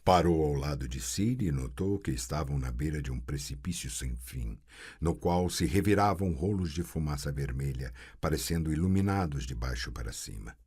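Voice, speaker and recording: A man from Brazil reading an audiobook in slow, expressive scripted narration. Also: very deep voice, husky.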